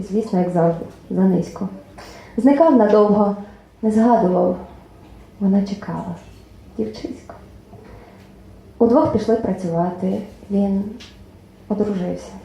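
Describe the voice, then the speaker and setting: A woman reads her own poems aloud at a book launch in a club hall, expressive and measured, letting line endings fade into almost a whisper. Her voice is dark and mellow with a gravelly edge. The hall is very echoey, with faint room noise behind her. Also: mid-range voice, muffled recording. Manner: expressive recitation, lines trailing off softly, nearly whispered. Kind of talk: poetry reading at a book presentation.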